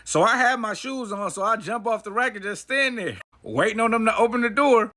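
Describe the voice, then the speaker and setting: A man's voice: sits high, expressive, fairly quick, bright, forceful tone. A man telling a personal story in a casual, profane, slang-heavy way. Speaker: vlogger. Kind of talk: storytime monologue.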